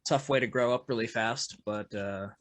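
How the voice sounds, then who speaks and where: A man guesting on a podcast as a musician, talking in a relaxed, easygoing way and laughing often. His pitch is middling and his quieter phrases tend to trail off. The sound is dry and close to the mic. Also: moderate pace, dry recording. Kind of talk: casual chat.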